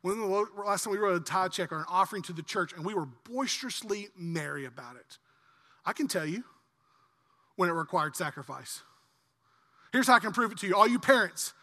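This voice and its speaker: Man preaching a sermon, high bright voice, animated, long hall reverb. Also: a little fast. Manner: animated, swings from loud emphasis to quiet low asides. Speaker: pastor.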